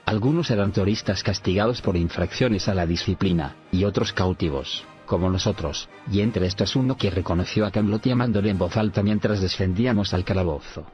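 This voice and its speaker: A man reading an audiobook in measured narration, sometimes saying punctuation marks aloud. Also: on the low side. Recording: dull lo-fi recording, faint music.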